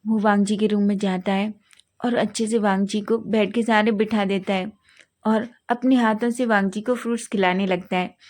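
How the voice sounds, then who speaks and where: A woman's voice: mid-range voice, steady tone, normal speed, darkish tone. A woman narrating a fanfiction love story, often stumbling and correcting herself mid-sentence. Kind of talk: storytelling reading.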